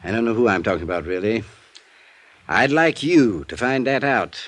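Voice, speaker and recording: On the low side yet animated and a bit bright, this male voice acts out a courteous American insurance executive in vintage 1940s-50s radio fashion. He's meticulous and guarded, speaking in a measured, polite way that wavers when he confides.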